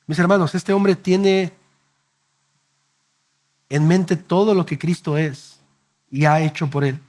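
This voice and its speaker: A man preaching a sermon as pastor, speaking earnestly and directly to the congregation, dropping soft and slow at emotional peaks. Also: a little high, steady tone.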